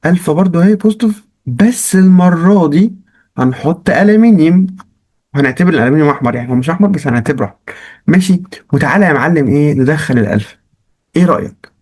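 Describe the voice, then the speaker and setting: A male chemistry teacher with an Egyptian Arabic accent, reviewing exam questions in a lively, joking way and coaxing students with questions. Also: on the high side, fast talker. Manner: mixes English science terms into Arabic. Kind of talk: recorded exam-review lesson.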